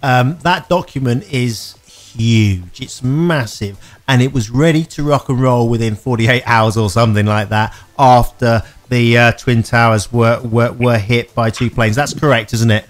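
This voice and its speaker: A man from England hosting a radio interview, chatty and halting, often restarting his words. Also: mid-range voice, steady tone. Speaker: radio show host. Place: radio station.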